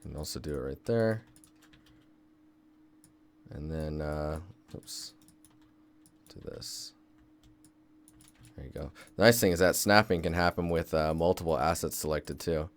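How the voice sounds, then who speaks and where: His pitch is extremely low, and he talks a little slowly with frequent pauses. He's a young game environment artist from Seattle streaming a laid-back desk tutorial, reasoning aloud and replying to chat, with a bit of background noise.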